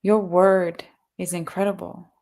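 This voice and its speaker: A solemn seance medium channels a serene spirit collective , performed by a woman. The voice is gravelly with fry and sits a little low. Each pronouncement comes slowly and deliberately, as a trance message. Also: level tone, darkish tone. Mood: calm, reassuring.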